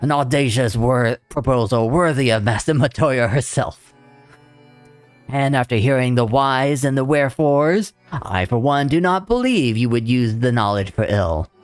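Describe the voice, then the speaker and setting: A man's voice: lively intonation, a little slow, faint music behind, close to an everyday voice. A man voicing a proud older male scholar who speaks in a lofty, old-fashioned way. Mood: delighted. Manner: lofty, old-fashioned speech, raised pitch.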